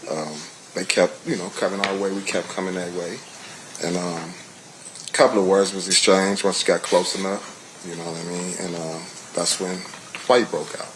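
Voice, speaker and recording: A low-voiced middle-aged American man answers questions as a witness. He speaks colloquially and haltingly, leaning on "you know" as he goes. There is some background noise. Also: fairly even intonation. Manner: hesitant, halting, peppered with 'you know'. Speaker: witness giving testimony. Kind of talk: spoken testimony, casual and colloquial.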